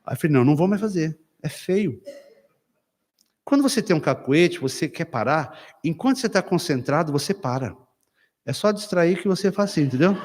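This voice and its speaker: Animated pastor preaching in a reverberant hall. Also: male voice, high-pitched. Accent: Brazilian Portuguese. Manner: animated storytelling with acted quotes and sudden loud bursts. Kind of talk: lively sermon at a couples' retreat. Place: church hall.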